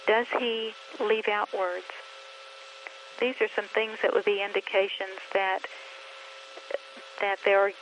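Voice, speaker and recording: A middle-aged woman with a voice of ordinary pitch for a woman, explaining to parents in an earnest, measured way. She poses a string of questions and pauses now and then to think. A faint noise sits under her voice. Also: fairly bright tone, low-quality recording. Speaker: reading teacher trainer. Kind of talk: instructional talk to parents.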